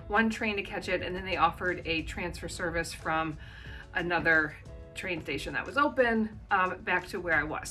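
An American woman in her forties with a low, sharp-toned voice narrates a casual, chatty vlog, laughing often and dropping ums and uhs. She starts in a small, bright indoor room, then walks outdoors in the city.

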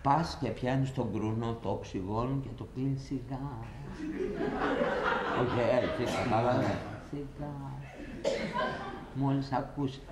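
A man playing a crude, wisecracking fellow trading bawdy stories with deadpan punchlines in a comedy film. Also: medium pitch, roomy sound, distant mic, very noisy, close to an everyday voice.

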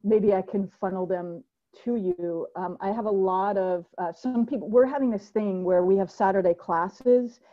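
A woman's voice: mid-range voice, normal speed, few pauses. A woman hosting a speaker series over a video call, talking in an engaged, discursive way. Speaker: host, political science professor. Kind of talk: moderating a video-call talk. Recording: muffled lo-fi video call audio.

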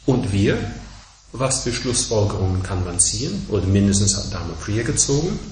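A man giving a dharma talk as a Buddhist teacher, emphatic and measured, driving his points home through insistent repeated contrasts. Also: lowish voice, slight background noise. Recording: echoey room.

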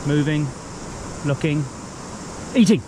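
A man in his thirties with a New Zealand accent, chatting casually and excitedly while fly fishing by a river, recorded on an action camera outdoors. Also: on the high side, slow, background noise. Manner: excited exclamations, relaxed slangy talk.

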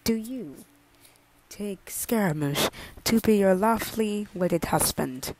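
Woman voicing a weary young priest, mumbling, hesitant, low and quiet, slow. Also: animated, no room sound, poor audio. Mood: tired. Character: weary young male priest officiating a wedding. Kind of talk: fan audio drama.

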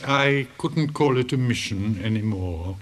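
Lightly acted, with slight background noise, a man voices a weary old schoolmaster in a radio drama, formal, hesitant and courteous with dry irony. His medium-pitched voice is expressive and a little slow.

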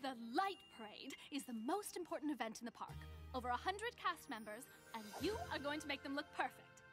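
A woman's voice: high-pitched, animated, fairly quick. An actress playing a smug, manipulative influencer woman in a cartoon, gushing and falsely sweet, with music behind. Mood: sweetly scheming. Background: background music.

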